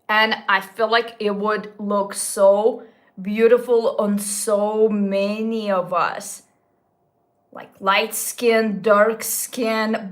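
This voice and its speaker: A beauty vlogger nearing forty chats casually with her viewers about makeup, gushing over products with small slips and restarts. Her voice is mid-range.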